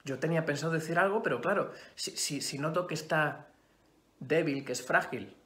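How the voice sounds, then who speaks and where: Expressive Spanish man teaching acting, roomy. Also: fairly high pitch, moderate pace. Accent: Spain Spanish. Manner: expressive, swings between loud emphasis and hushed asides. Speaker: theatre teacher. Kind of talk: acting class lecture. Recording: roomy echo.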